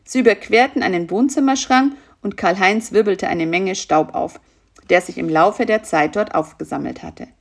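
A woman reading a children's story aloud in a calm, soft narrating voice. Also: medium pitch, moderate pace, vocal fry.

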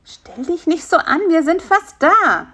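A woman's voice: very high-pitched, expressive, measured pace, a bit bright, voice pushed up, heavily acted. A woman voicing a cheerful, cheeky male fly who keeps reassuring his friend in a children's story. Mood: encouraging.

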